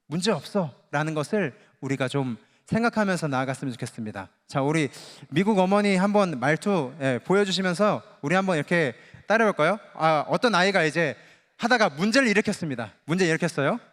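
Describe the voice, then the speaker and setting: A young-sounding man from Chungcheong preaches a Wednesday Bible talk with a high, very lively voice that leaps around in pitch. He keeps the congregation involved with questions and playful imitations. The sound carries the long reverb of a church sanctuary. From Chungcheong, Korea. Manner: animated, asks the congregation questions and mimics voices. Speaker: junior pastor. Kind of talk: Wednesday Bible exposition sermon.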